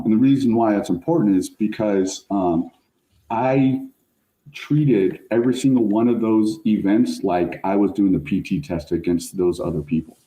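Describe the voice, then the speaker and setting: Middle-aged male guest, storyteller, slangy and animated, warm dark tone, roomy sound. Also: fairly low pitch. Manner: animated, slangy, says "like" and "bro" often. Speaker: guest, fire service chief officer. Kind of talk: casual storytelling in podcast interview. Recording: roomy echo.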